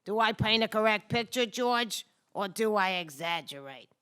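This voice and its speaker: A scheming old tycoon in an old-time radio drama. He is condescending and deliberate, with a bright, clear voice that makes every smug offer sound precise. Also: high-pitched, expressive. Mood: smug, goading.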